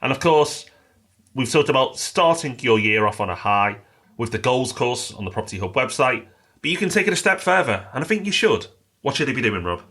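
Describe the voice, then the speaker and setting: Very animated and a little fast, a British podcast co-host speaks at medium pitch with a bright, forceful, slightly rough tone. In casual, upbeat chat with a promotional bent, he reads listener mail aloud, including a review.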